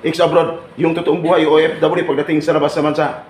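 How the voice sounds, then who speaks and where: A man's voice: a little high, flat delivery, a little fast. A man giving a live seminar to trainees, teasing and bantering with the audience and often asking them to agree. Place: training room. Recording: echoey room with background noise.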